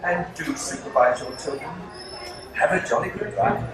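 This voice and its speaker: A recorded safety announcement played over a ride loudspeaker, read in a polite, formal scripted style. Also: medium pitch, moderate pace, very noisy. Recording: echoey loudspeaker heard from far off.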